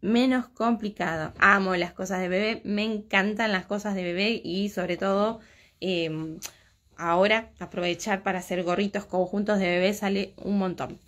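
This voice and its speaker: Here the same kind of speaker, a thirtysomething Argentine crochet teacher, sounds mid-range and fairly even, speaking at a moderate pace. She chats casually with her livestream viewers from home, responding to their comments, with her phone held at arm's length.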